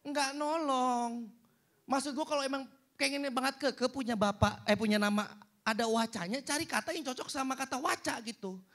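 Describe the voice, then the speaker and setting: A man's voice: very high-pitched, brisk. A young man performing a stand-up comedy set, telling stories and acting out the dialogue in them. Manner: animated storytelling that acts out quoted dialogue. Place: cinema stage with a live audience.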